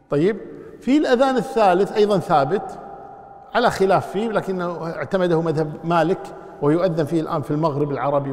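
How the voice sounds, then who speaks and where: A man's voice: fairly high pitch, darkish tone, big-room sound. A man teaching Islamic law, explaining step by step and putting questions to his class. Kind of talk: lecture explaining a text.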